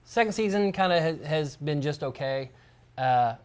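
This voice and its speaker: Rambling, jokey male host, slightly high voice. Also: expressive, normal speed, clear, resonant tone. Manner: rambling and jokey, plugging things. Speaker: show host. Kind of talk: casual comedic chat. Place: toy and collectibles shop.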